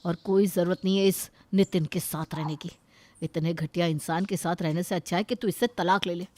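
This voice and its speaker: A woman's voice: lowish voice, fairly even intonation, brisk, a little mellow, dry recording, close to an everyday voice. A woman voicing a protective, indignant young brother in a cartoon story. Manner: indignant, pleading, argumentative.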